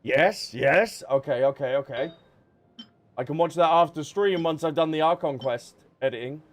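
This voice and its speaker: Background music accompanies a man's casual livestream chat as he plays a game, responding to viewers and reasoning aloud. His voice is a little high and his pace normal.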